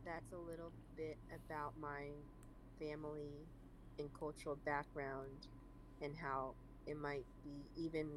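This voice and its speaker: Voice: mid-range voice, little pitch movement, a little slow. A young adult guest with an American accent, born in China and raised in San Francisco, talking casually in an interview with many fillers. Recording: noisy recording.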